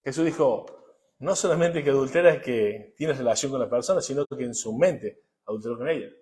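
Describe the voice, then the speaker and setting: A middle-aged male pastor preaches a sermon at a fairly quick pace and medium pitch. He swings between hushed asides and loud, emphatic bursts, often putting rhetorical questions to the congregation.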